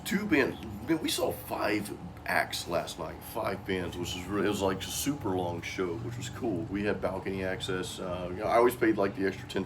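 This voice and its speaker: A man's voice: low voice, background noise. A middle-aged American man hosting a casual, informal chat in loose, slangy speech. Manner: informal, peppered with "dude" and "man". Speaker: host.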